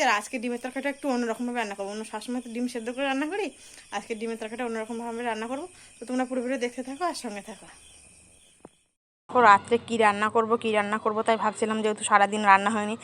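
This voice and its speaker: Young woman, kinda high voice, chatty family vlog. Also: slight background noise. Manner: chatty, speaks softly to her young son. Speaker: family vlogger. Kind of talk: casual vlog narration.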